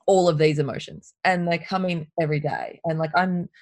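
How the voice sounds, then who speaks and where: A woman speaking openly and emotionally in a casual conversation, telling her story with lively candour. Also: low-pitched, fairly quick, no room sound. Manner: open, emotional, animated storytelling.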